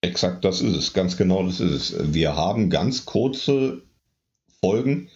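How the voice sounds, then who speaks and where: Deep-voiced man, emphatic and dull-toned. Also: lively intonation, a little slow, darkish tone. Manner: emphatic, argues his point firmly. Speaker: podcast co-host. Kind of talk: casual discussion.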